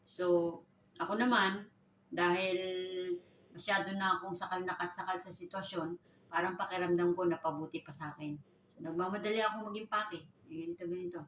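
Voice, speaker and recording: Filipino woman recounting her own story, lively quoting, roomy distant sound with faint background. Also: fairly quick, slight background noise. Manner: animated retelling, raising pitch for quoted lines. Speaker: domestic worker telling her story. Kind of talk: personal storytelling.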